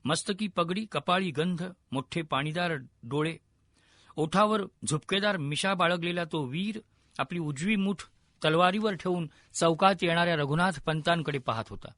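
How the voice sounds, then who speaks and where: A male storyteller with a high, bright voice tells a historical tale vividly and expressively. The recording is dry and close, with no room sound. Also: normal speed, no room sound. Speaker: narrator. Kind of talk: dramatic storytelling narration.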